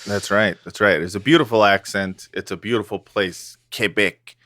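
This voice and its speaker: A man's voice: lowish voice, moderate pace, fairly bright tone, dry recording, studio quality. A man co-hosting a comedy podcast, rambling and joking with lots of fillers. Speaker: podcast co-host. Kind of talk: casual comedic podcast chat.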